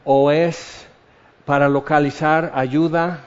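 A man preaching a sermon, slow and measured, repeating key phrases for weight. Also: fairly high pitch, level tone, clear, resonant tone. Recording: dull lo-fi sound.

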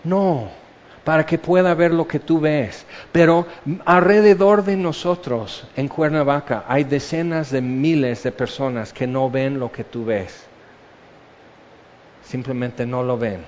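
A man with a Mexican accent preaching a sermon in a lively, conversational way, acting out little voices as he goes. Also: medium pitch, measured pace, a little hiss or hum. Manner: animated, conversational preaching that slips into acted-out voices. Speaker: pastor. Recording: dull lo-fi sound.

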